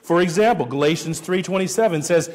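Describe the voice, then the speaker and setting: A man's voice: sits high, a little fast, darkish tone. Man preaching in a reverberant church. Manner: explanatory, repeats words when restarting. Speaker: pastor. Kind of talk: teaching sermon. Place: church sanctuary. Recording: long church hall reverb.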